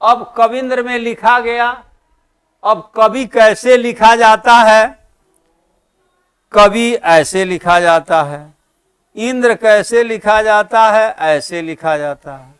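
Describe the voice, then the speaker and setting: High-voiced man teaching, clear and slow. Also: fairly bright tone. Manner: asks the class questions and answers them himself; repeats key terms slowly for emphasis. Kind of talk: exam-prep lesson.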